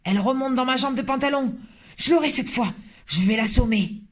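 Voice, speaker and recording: A man voicing a panicking male cook who yells in a frantic, shrill way. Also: fast. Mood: panicked. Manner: shrieking, frantic yelling.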